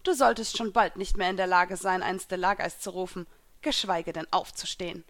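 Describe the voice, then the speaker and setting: A woman's voice: fairly low pitch, steady tone, brisk, fairly bright tone, no echo, clean studio sound. A smug, gloating young villainess mage who taunts her rival in a raised, sharper voice, as a woman narrator puts her on. She sounds pleased with herself and cruelly self-assured, like a storybook villain.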